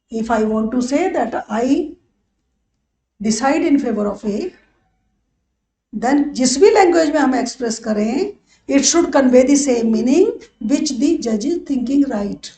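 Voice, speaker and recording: A woman teaching a law lecture. She mixes Hindi and English, repeats key phrases and slows right down on the English lines. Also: sits high, expressive, warm tone, reverberant, a little hiss or hum. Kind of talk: classroom lecture.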